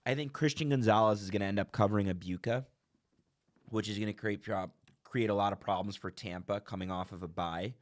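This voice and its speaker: Low-voiced man thinking aloud on a podcast. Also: brisk. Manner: thinks aloud, corrects himself. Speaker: podcast co-host. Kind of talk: casual sports chat.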